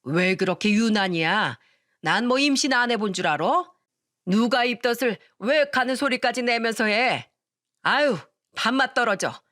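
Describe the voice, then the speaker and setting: A woman's voice: medium pitch, animated, moderate pace, a bit bright, natural voice. A woman voicing a spiteful older mother-in-law who snaps and sneers in a radio-style story. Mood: scornful. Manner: cutting, scornful, sometimes fawning. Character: sharp-tongued older mother-in-law, favors sons.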